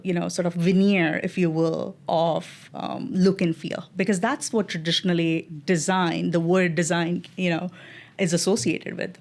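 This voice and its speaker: A middle-aged woman with an Indian English accent, a design executive, appears as a guest on an interview podcast. Her fairly low, darkish voice answers in a measured way, with many fillers and restarts.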